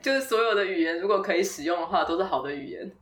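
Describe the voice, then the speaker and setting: A woman from Taiwan, a former doctoral student, chatting casually and telling stories in a lively way. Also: on the low side, very fast, distant mic. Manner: chatty, storytelling, laughs easily. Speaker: guest, former PhD student. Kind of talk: casual conversation.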